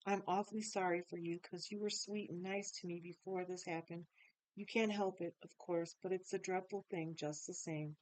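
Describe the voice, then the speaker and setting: A woman's voice: fairly low pitch, steady tone, moderate pace, darkish tone, no room sound, natural voice, low-quality recording. A woman playing a frank little girl. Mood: earnest. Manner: earnest, plain.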